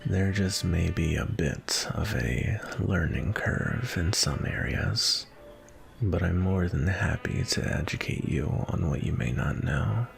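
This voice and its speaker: Sebastian, a deep, gravelly vampire acted by a man. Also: animated, soft background music, exaggerated voice. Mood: calm, reassuring. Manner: polite, unhurried, flirtatious. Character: suave, courteous, centuries-old male vampire on a date. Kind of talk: ASMR roleplay, intimate and softly spoken.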